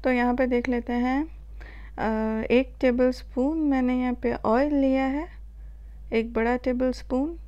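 A woman with an Indian accent, narrating a cooking tutorial as a voice-over and calmly explaining each step, with a few filler pauses. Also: high voice, highs cut off. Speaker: cooking channel host.

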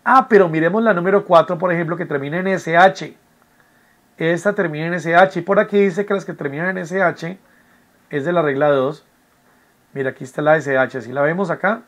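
A man's voice: on the high side, a little fast, fairly bright tone. A man, teaching an English lesson from home, patient and repetitive, often checking that students follow. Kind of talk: recorded online class explanation.

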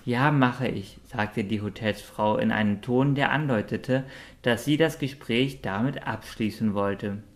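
A man's voice: lowish voice, measured pace. A man narrating a children's storybook audiobook. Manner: lively character voicing.

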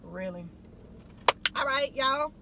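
A woman's voice: high voice, lively intonation, takes it slowly, background noise. A middle-aged woman hosting a casual eat-with-me chat from inside a car, talking in a slangy, chatty way. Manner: chatty, slangy, laughing wrap-up. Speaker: host.

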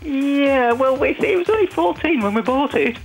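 A man with a squeaky helium-like voice, chatting casually and hesitantly as a polite, self-deprecating caller to a quiz show. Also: animated, normal speed, gravelly, soft background music, poor audio. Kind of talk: casual chat.

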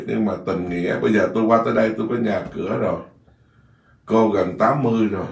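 A man's voice: medium pitch, gravelly. A man with a Southern Vietnamese accent, a Buddhist monk telling a rambling story in an informal dharma talk, often repeating words. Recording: echoey room, distant mic.

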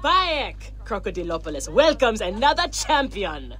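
A woman's voice: medium pitch, sing-song, moderate pace, fairly bright tone. An actress playing a bold, boastful, fierce gladiator woman in a video game, swaggering and proud. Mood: rousing.

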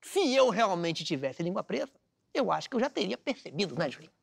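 A man's voice: high voice, sing-song, a little fast, gravelly, breathy edge, exaggerated voice. An actor playing a pompous, self-assured Brazilian driver who is also a father, and who takes offense easily. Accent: Brazilian Portuguese. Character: self-important male driver, a father, [name].

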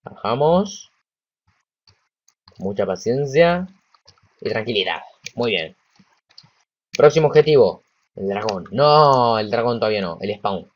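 A man with a Rioplatense Spanish accent giving casual let's-play commentary. He is excitable, talks to himself and to the game, and swears when frustrated. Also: medium pitch, unhurried, pauses often, dull audio. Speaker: gameplay commentator.

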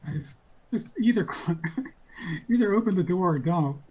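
A man's voice: high voice, expressive, moderate pace, a little mellow, breathy edge. Laid-back wry man gaming. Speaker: gamer. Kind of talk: casual gaming chat.

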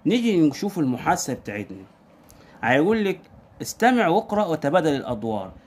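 A man with an Egyptian Arabic accent tutors his young daughter at home. He drills her patiently, prompting her with one question after another. His fairly high voice rises and falls in a lively sing-song. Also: fast. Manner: patient drilling with constant call-and-response questions. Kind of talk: home English lesson for a young child.

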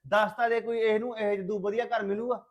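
A man's voice: high-pitched, little pitch movement, muffled recording, close to an everyday voice. An actor playing a hot-tempered young man who scolds his sister in a family drama. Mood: angry. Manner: shouting, scolding, rapid. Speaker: angry brother in a family drama. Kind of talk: Punjabi short film acting.

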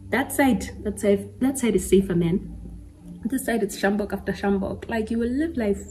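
Casting: woman in her twenties, mellow tone, candid storytelling chat with easy laughs, faint room noise. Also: mid-range voice, moderate pace, low-quality recording. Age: 20s. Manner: candid, chatty, laughs often, mixes in Sesotho slang. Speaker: podcast host. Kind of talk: casual personal chat.

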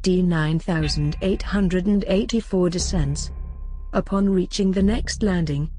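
A woman reads a scripted report as narration, steady and clinical. Her voice is mellow and slightly low, with faint music playing underneath.

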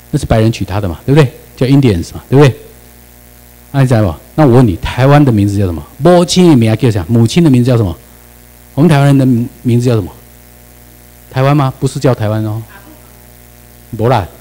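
A man's voice: medium pitch, mellow, low-quality recording. A man lecturing a class in Taiwanese-accented Mandarin, firing rhetorical questions at the room and slipping English words into his speech.

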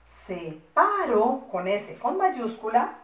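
A Colombian woman teaching young children in a lively, swooping singsong, high and expressive. She coos diminutives and drags out each word when dictating. Her voice sits back from the mic in an echoey room. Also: distant mic. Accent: Colombian Spanish. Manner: affectionate, singsong teacher talk with diminutives, slow spelled-out dictation. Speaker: primary school teacher. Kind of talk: recorded first-grade class for children.

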